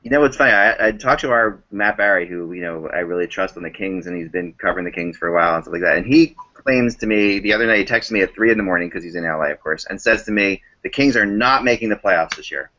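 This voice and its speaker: A man's voice: deep voice, fast talker, few pauses, bright, forceful tone. A man hosting a casual sports podcast discussion over a remote online call, often repeating and rephrasing his points. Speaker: podcast host. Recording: dull lo-fi online call audio.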